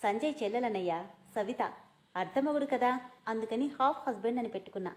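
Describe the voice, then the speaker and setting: Woman doing a gentle young woman, soft, calm, soothing, storybook. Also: on the high side, brisk, natural voice.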